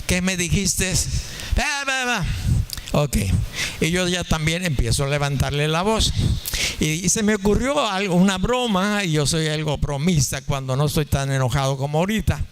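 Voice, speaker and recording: A man's voice: fairly high pitch, moderate pace, a little hiss or hum. A man preaching a sermon, telling a funny story and chatting with the congregation. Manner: joking, anecdotal, conversational with the congregation. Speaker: pastor.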